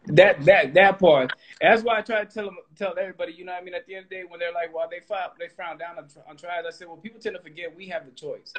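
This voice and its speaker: A husky-voiced man in his late thirties hosts a laid-back interview. His voice sits high for a man, and he talks loosely, tripping over repeated words before finding his point. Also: quick pace, few pauses. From Texas. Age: 30s. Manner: loose, animated, repeats words when starting. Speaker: host. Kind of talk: casual interview chat.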